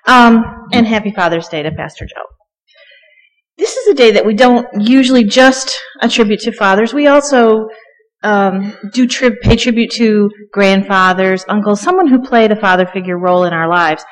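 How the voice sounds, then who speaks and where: A woman's voice: mid-range voice, normal speed. Chatty woman preaching in a reverberant church. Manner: chatty, joking asides, frequent ums. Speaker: guest preacher. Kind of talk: conversational sermon. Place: church sanctuary. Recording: long reverb of a church hall.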